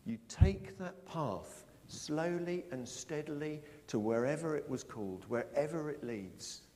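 Middle-aged guy preaching, slow and lively, questions the crowd, big church reverb. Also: a little high. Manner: lively, questioning the congregation, slow emphatic phrasing. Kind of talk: sermon to a congregation.

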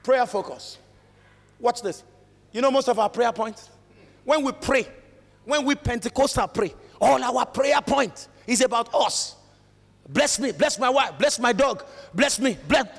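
A man with a Nigerian accent preaching a fervent Pentecostal sermon, calling out and rising to shouts. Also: very high voice, unhurried, creaky. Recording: long reverb of a large hall.

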